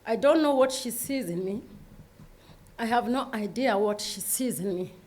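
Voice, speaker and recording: A woman who founded the foundation giving a speech at its event, emotional and holding back tears as she speaks haltingly and apologetically. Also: fairly high pitch, a little mellow.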